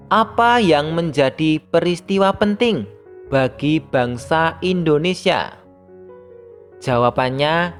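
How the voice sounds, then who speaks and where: Brief: steady, even-toned teacher voice reading a primary school lesson aloud, faint music underneath. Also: mid-range voice. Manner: reads steadily, addressing pupils as younger siblings. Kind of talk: scripted lesson narration.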